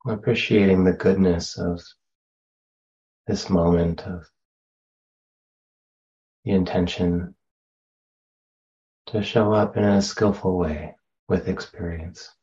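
A meditation teacher guides a session in a low, steady voice, speaking gently and without hurry. He leaves long pauses between phrases, and the audio sounds dull.

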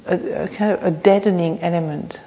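In a reverberant hall, slightly dulled on the recording, a woman gives a meditation talk. Her voice is mellow and gravelly. She speaks reflectively, pausing and circling back over phrases. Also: fairly low pitch, steady tone, dull audio. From Thailand. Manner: reflective, halting, with pauses and repeated phrases. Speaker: meditation teacher. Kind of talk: unscripted dharma talk.

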